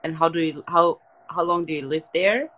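This livestream host is a young German woman speaking with a German accent in a low voice at a moderate pace. She's lying in bed late at night, relaxed and chatty, holding her phone close as she talks casually with viewers.

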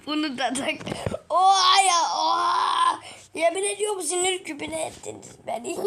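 A woman voicing several characters in a game video, excitable and teasing, full of exclamations. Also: extremely high pitch, moderate pace, creaky, slight background noise. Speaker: gaming video creator.

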